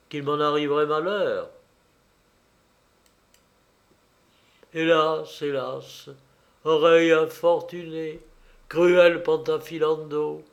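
A man reading a storybook aloud, voicing a brave, upright young miller's son who speaks firmly and earnestly. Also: a little high. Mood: lamenting. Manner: firm, earnest, sometimes lamenting.

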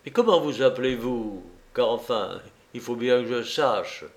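Man voicing a gallant, teasing gentleman thief in a slow audiobook read. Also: mid-range voice, animated. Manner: gallant, playful. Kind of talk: audiobook reading.

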